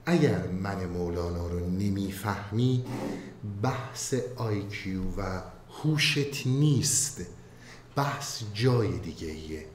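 A man giving a spoken commentary on classical poetry, reciting verses in a slow chanted way between casual explanations. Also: low voice, animated. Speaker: Masnavi commentator. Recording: echoey room with faint ambient noise.

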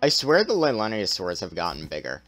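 A young man streams a game, chatting casually through his play in a chatty, self-deprecating way. His tired, strained voice sits low with huge pitch swings, a brisk pace and a slightly bright tone.

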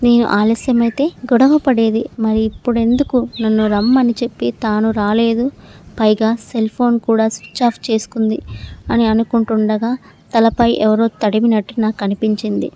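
Female narrator for an audio story: mellow, even, steady first-person reading. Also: a little high, normal speed.

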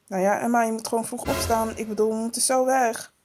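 A woman voicing a busy, caring mother of two girls in a toy-figure film, chatty and hurried with many fillers. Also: fairly high pitch, steady tone, a little mellow, slight background noise, close to an everyday voice.

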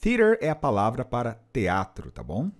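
A man's voice: medium pitch, wildly swooping pitch, normal speed. A man teaching an English lesson, patiently repeating and translating phrases. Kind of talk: explanatory language lesson.

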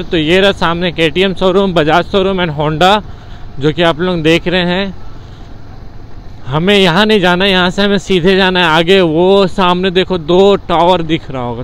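A man's voice: fairly high pitch, low-quality recording. Chatty young man vlogging on city streets. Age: young adult. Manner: chatty, excitable, mixes English words. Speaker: motovlogger. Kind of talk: casual vlog commentary while riding. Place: city streets and roadside bike workshop, outdoors. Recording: faint street and traffic noise.

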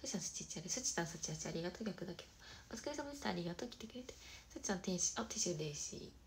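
A young woman hosting a casual livestream who chats quickly and brightly with viewers, often dropping to a soft murmur. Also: on the low side, animated, slight background noise. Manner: fast-talking. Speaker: idol livestream host. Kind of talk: casual livestream chat reading viewer comments.

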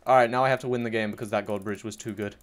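Gaming YouTuber, male, lower register, dry self-mocking brag over gameplay, light clicking under the voice. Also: steady tone, very fast, a little hiss or hum. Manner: mock-boastful, joking, self-mocking. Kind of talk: sarcastic gameplay commentary. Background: faint keyboard and mouse clicks.

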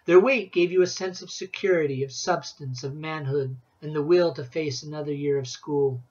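A parent reading a humorous story aloud to their children, expressive and acting out the shouts and dialogue. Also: mid-range voice, normal speed, husky, lo-fi sound.

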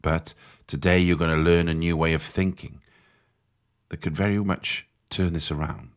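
Guiding a meditation, a man with a deep, low voice offers gentle instructions. His delivery is measured, soothing and steady in tone.

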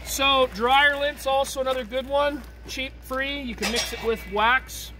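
Casual male teacher, fairly high voice, recorded from a distance outdoors with clear traffic noise behind him. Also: steady tone, measured pace. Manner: casual, checks in with "okay?", chatty asides. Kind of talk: hands-on outdoor survival demonstration.

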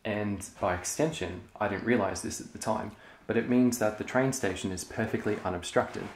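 Young man, relaxed and chatty, lots of ums, echoey room, faint background noise. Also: lowish voice, normal speed. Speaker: LEGO hobby vlogger. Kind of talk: casual show-and-tell. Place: carpeted room at home.

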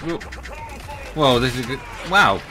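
This man, who runs a gaming channel, gives laid-back commentary on his fighting game session, self-deprecating and surprised at every moment. His medium-pitched voice is expressive and slow. Game music can be heard behind his speech.

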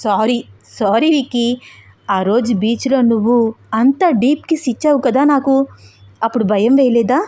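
A woman's voice: a little high, normal speed, pauses often, warm tone, no room sound, natural voice. A woman voicing a playful young woman who teases her fiancé with coy remarks. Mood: teasing. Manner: teasing, coy.

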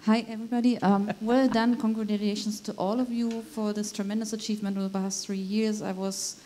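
A woman's voice: mid-range voice, flat delivery, a little fast, warm tone. A woman in the audience asking a panel a thoughtful question at a conference.

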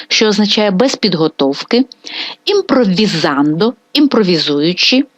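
A woman teaching Italian vocabulary and grammar in a scripted lesson, saying each example phrase slowly and carefully. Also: medium pitch, no echo. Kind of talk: scripted language lesson narration.

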